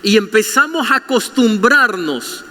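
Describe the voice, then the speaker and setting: A man's voice: high voice, expressive, unhurried, pushed and bright. A man preaching a sermon as pastor, speaking straight to his listeners with rhetorical questions, in a large church hall. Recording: long reverb of a large hall.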